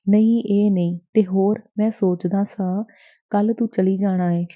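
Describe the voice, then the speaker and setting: A woman's voice: medium pitch, fairly even intonation, moderate pace, lightly acted. A woman voicing an earnest, lovesick young man in an audiobook, close to her own voice. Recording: dry, tinny phone-like sound.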